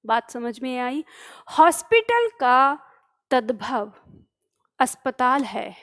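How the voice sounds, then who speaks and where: A woman's voice: sits high, big pitch swings, slow, a bit bright. A woman teaching grammar for exam preparation. She calls her students "बालक", works through examples and keeps checking that they follow. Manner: addresses students as "बालक", asks questions and checks understanding; explains with worked examples, repeating key phrases. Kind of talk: exam-prep grammar lesson.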